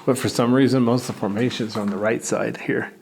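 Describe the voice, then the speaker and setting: A man talks his way casually through a cave, with clicks and clear noise around his voice. He rambles in an ordinary mid-pitched voice with dry, wry humor, and the cave gives it an echo. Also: fairly even intonation, fast, a little mellow. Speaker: cave explorer filming himself. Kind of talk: casual narrated exploration vlog. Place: inside a rocky cave.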